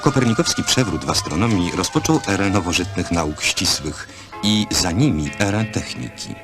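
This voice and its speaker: A man's voice: sits low, expressive, moderate pace. A man narrating an old newsreel in a solemn, formal, scripted manner. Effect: old newsreel narration over music. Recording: archive film soundtrack with loud music behind. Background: music.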